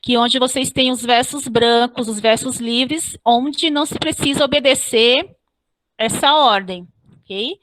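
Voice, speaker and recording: Woman teaching online class, slow pace, keeps saying ok? to check in. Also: a little high, fairly bright tone, no room sound. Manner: explains step by step, often checks with "ok?"; slowly spells out syllables. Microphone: computer mic on a video call.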